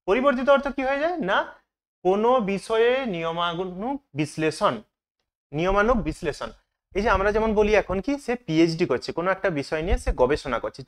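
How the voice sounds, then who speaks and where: High-voiced guy teaching exam prep, keeps asking the class then answering himself. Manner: asks questions and answers them himself.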